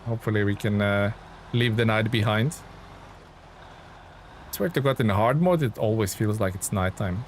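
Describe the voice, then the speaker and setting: Pausing often, the Lithuanian gaming livestreamer chats informally and thinks out loud at a normal speed. His voice sits on the low side, and engine and vehicle sounds from the truck game are plainly audible.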